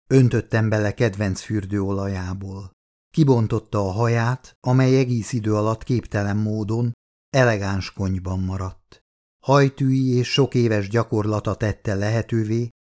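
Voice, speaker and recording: A man narrating a novel as an audiobook in a measured, subdued reading. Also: lowish voice, darkish tone. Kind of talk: scripted narration.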